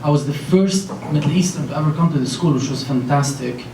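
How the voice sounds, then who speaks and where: A company founder in his thirties from Lebanon speaks on a conference panel, earnest and rambling, with plenty of fillers and restarts. His voice is a little high, fairly quick and gravelly, picked up on a handheld mic in a large audience-filled conference room that sounds echoey, distant and faintly noisy.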